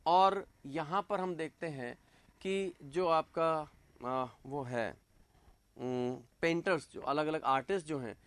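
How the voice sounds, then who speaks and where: A man teaching an exam-prep class at a slow, measured pace. His voice sits a little high for a man, and he dictates notes word by word, filling pauses as he thinks. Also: fairly bright tone, clear, resonant tone.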